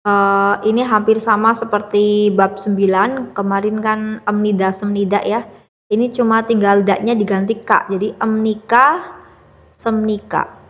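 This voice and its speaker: A woman with a mid-range, steady voice teaches a beginner language lesson at an unhurried pace, explaining patiently step by step and often checking in with the listener. The lo-fi audio has a big-room sound.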